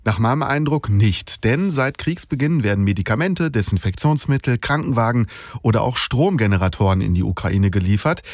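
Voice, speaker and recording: A man's voice: medium pitch, animated, a little fast, no room sound, studio quality. A male radio reporter giving a scripted, matter-of-fact news report that explains the situation.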